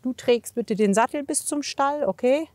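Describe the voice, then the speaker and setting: Her voice sits high, with a darkish tone, normal speed and no room sound. The speaker, a horse physiotherapist and trainer, is outdoors at a horse yard in wind and rain, giving a relaxed hands-on demonstration while explaining and coaxing with short repeated reassurances.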